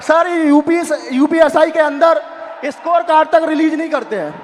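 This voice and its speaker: A man's voice: extremely high pitch, normal speed. A young man, a student exam aspirant, giving impassioned public testimony in a raised, insistent voice, pouring out grievances point after point. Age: young adult. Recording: echoey large hall with crowd noise.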